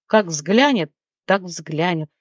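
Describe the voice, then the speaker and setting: A woman voicing a squeaky, blunt, cheeky little male creature in an audiobook. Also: animated, slow pace, slightly rough, dry recording, dull audio, heavily acted.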